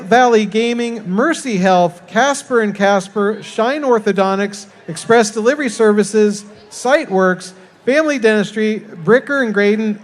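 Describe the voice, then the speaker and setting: A man with a strikingly high voice hosts a live parade. He addresses the crowd in a folksy announcing style. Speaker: parade announcer, master of ceremonies.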